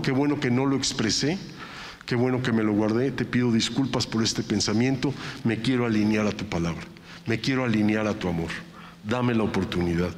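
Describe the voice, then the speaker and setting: A man's voice: medium pitch, slight background noise. Man preaching in an echoey hall. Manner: conversational preaching, checks in with listeners. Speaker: pastor. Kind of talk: sermon. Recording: echoey reverberant hall with faint ambience.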